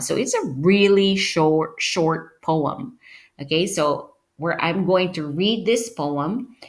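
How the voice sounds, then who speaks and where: A woman's voice: low-pitched, fairly bright tone. A woman teacher explaining a lesson to her students, patient, and often checking in with "okay?". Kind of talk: recorded online class lesson.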